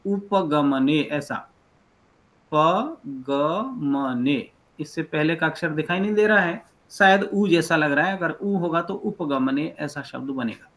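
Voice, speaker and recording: Male online teacher, higher voice, patient and deliberate, video-call audio. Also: fairly bright tone. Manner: explains letter by letter, patient and deliberate. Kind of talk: online lecture.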